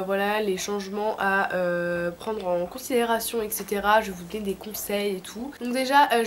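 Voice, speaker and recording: A young Frenchwoman in her late teens vlogs casually, dishing out slangy advice while sick with a throat infection. Tonsillitis gives her medium-pitched voice a thick, sore quality, and there's slight background noise.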